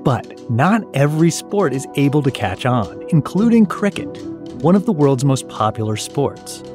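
A man's voice: medium pitch, sing-song, moderate pace, music in the background. Man hosting a news podcast. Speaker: podcast host. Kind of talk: scripted narration and interviewing.

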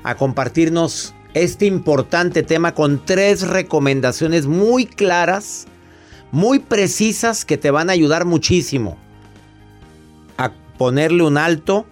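A man's voice: a little high, slow, soft background music. A man hosting a radio show, giving emphatic, fatherly advice to a caller and interviewing a guest. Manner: warm fatherly advice, emphatic, rhetorical questions.

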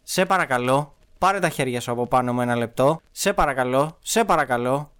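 A man's voice: mid-range voice, expressive, a bit bright, clean tone, close to an everyday voice. A man reading out the pleading lines of a frightened young child in a raised voice. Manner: pleading, read out from a transcript.

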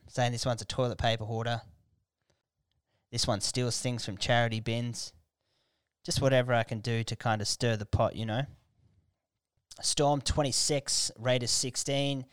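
A man's voice: mid-range voice, smooth, no room sound. An Australian man hosting a podcast in a casual comedic monologue, blokey and irreverent, with heavy swearing and slang. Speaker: podcast host.

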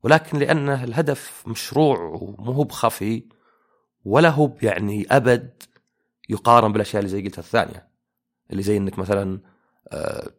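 A young man, giving a casual, argumentative monologue full of fillers. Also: fairly low pitch. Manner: rambling, argumentative, many fillers. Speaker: commentator.

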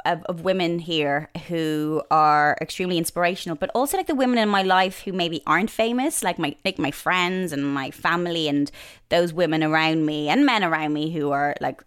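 As a guest in an interview, an Irish woman in her thirties who works as a presenter and author talks casually, full of fillers and restarts. She has a deep voice with a clean tone.

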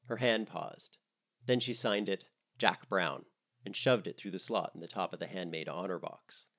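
A man narrating a comedic story in a wry, expressive way. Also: low voice, moderate pace.

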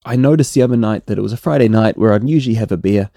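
Gravelly, dark-voiced New Zealand man. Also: lowish voice, racing, no room sound, studio quality. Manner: relaxed, conversational, often adds "right?". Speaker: podcast host. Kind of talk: solo podcast monologue.

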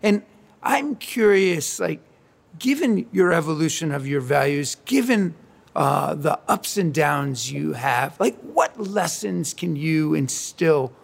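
A man hosting an interview, asking questions in a measured, hesitant way with many ums and uhs. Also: fairly high pitch, sing-song, gravelly. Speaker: podcast host. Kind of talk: conversational interview.

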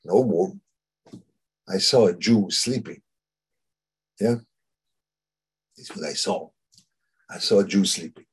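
Husky low-voiced man giving Torah talk. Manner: halting, searches for words, many restarts.

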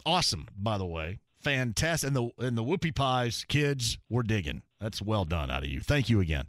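A man's voice: on the low side, big pitch swings, normal speed, dry recording, studio quality. A man hosting a call-in sports radio show, chatting and joking with callers and laughing often.

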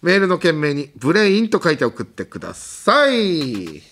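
A male comedy radio co-host with a high, animated voice that swings widely in pitch. He reads listener letters and trades jokes in a playful way, laughing easily. The sound is close and clean, like a studio broadcast. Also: normal speed. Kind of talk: casual comedy banter.

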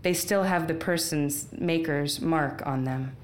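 Slow, low-voiced woman telling a story. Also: slight background noise. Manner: wry, unhurried, deadpan asides. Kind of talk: live storytelling performance.

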